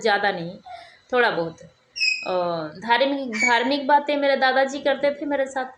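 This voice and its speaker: A young woman with a fairly high voice tells a personal story straight to camera. She talks in a chatty, conversational way and keeps checking in with her listener as she goes. Faint noise sits behind her voice. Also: a bit bright. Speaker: vlogger.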